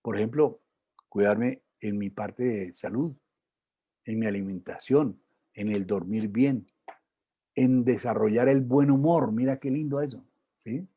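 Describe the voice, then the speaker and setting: Warm, husky man giving a talk. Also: medium pitch, a little slow, muffled recording. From Colombia. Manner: conversational, peppered with tag questions and fillers. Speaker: lecturer. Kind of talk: public talk on emotions and spirituality.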